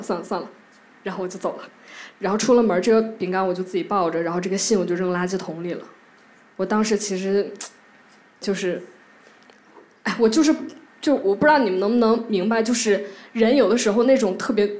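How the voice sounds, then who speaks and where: Halting, emotional young woman storyteller. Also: mid-range voice, darkish tone. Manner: halting, emotional, many restarts and repeated words. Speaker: live storyteller. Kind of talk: personal story told to a live audience. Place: theatre stage.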